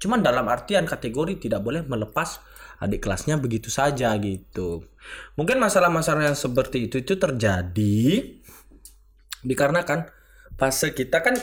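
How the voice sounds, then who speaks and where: A young man, a student organization leader, answering interview questions in a rambling way, full of filler tags. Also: mid-range voice. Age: young adult.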